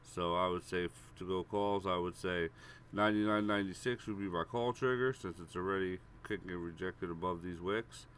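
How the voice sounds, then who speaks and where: Congested and nasal from a head cold, this deep-voiced stock trading streamer hosts a live premarket session, casually going over chart levels and price targets. He's repetitive and keeps calling his viewers "guys," speaking a little fast with fairly even intonation and a slightly bright tone over faint background noise.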